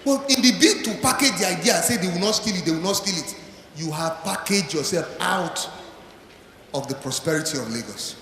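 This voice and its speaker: A man's voice: high-pitched, animated, fairly quick, fairly bright tone. A Nigerian-accented man giving a motivational seminar speech, emphatic, using rhetorical questions and repetition. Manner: slips into Pidgin and Yoruba. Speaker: motivational speaker. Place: large event hall before an audience. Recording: echoey hall PA, crowd, faint noise.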